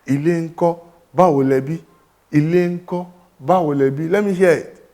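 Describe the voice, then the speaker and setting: A man's voice: fairly high pitch, normal speed, dark tone. A man teaching greetings, coaxing his student to repeat after him in a playful way. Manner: coaxing, playful, mixes English and Yoruba. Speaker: language teacher.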